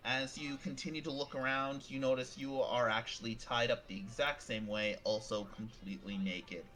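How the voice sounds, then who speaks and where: A man narrating a tabletop game as game master, halting and repeating words as he describes the scene. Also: mid-range voice, fairly even intonation, pushed and bright.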